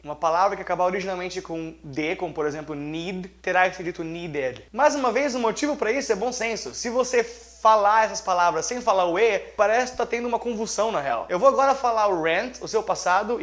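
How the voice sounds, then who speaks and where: A man's voice: high-pitched, fairly bright tone. A Brazilian man teaching English in a casual, jokey, slangy video lesson, talking straight to the viewer.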